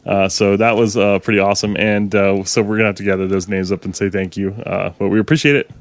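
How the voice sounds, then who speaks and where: A man with a lowish voice co-hosts a casual programming podcast, stopping often on filler sounds as he goes. The recording is dry and close. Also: flat delivery, dry recording. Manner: hesitant, many filler pauses. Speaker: podcast co-host. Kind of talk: casual tech podcast chat.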